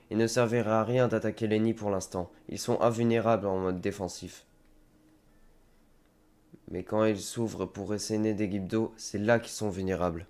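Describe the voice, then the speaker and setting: A man's voice: on the low side, darkish tone, lightly acted. A man with a cold reading out a game ally's dialogue in a plain voice.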